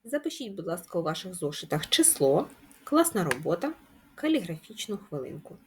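A woman teacher giving a lesson to young schoolchildren, explaining patiently and clearly. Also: on the low side, very animated, moderate pace, slight background noise. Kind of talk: video lesson for children.

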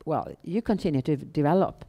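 A middle-aged woman with a Swedish accent, answering questions on stage in a measured, halting way with pauses. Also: low voice, mellow. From Sweden. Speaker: guest, bank founder and chief executive. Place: indoor event room on a small stage. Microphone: headset.

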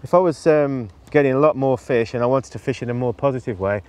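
A man's voice: medium pitch, fast talker, a little mellow, smooth. A man in his forties, a match angler, gives a practical, explanatory demonstration to camera outdoors on a riverbank, talking into a lapel mic with fillers and restarts along the way. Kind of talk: instructional talk to camera.

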